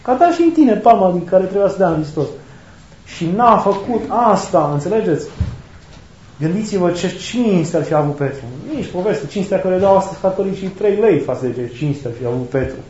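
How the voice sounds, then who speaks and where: A man's voice: high voice, expressive, darkish tone, a little hiss or hum. A man preaching a sermon with passion, firing off rhetorical questions and acting out the words of others. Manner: impassioned, rhetorical questions, acts out quoted speech. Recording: echoey, dull lo-fi room recording.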